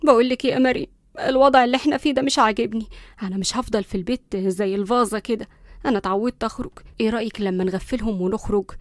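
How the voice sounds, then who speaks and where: A woman's voice: a little high, rapid-fire, no room sound, clean studio sound, close to an everyday voice. Woman doing a scheming Egyptian teen girl. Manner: scheming, gossipy. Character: rebellious teenage granddaughter.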